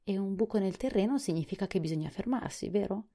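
A woman voicing a meek, newly living male wooden sawhorse in a storybook, asking puzzled questions in a raised, husky voice. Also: mid-range voice, expressive, fast talker, dark tone, pitched above the performer's own voice. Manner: surprised, innocent questioning.

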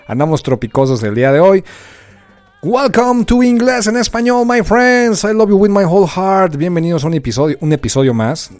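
A man's voice: high-pitched, lively intonation, normal speed, darkish tone, soft background music. A man with a Mexican accent hosting a casual English lesson podcast, playful and full of slang and joking asides. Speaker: English teacher and podcast host.

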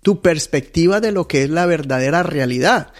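A man's voice: fairly high pitch, animated, moderate pace, soft background music. Earnest man giving a devotional talk. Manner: earnest, teaching, tells stories with quoted dialogue. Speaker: podcast host.

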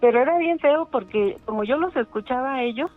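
Lady on the phone, halting, lots of fillers, sounds tinny, soft music in back. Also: high voice, expressive. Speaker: caller telling a ghost story. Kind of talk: casual phone storytelling.

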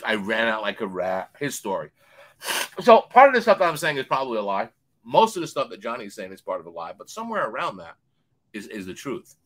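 Loud swearing man ranting about bets. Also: fairly low pitch. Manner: loud, swears constantly, acts out other voices. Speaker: sports betting handicapper guest. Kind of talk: profane ranting storytelling.

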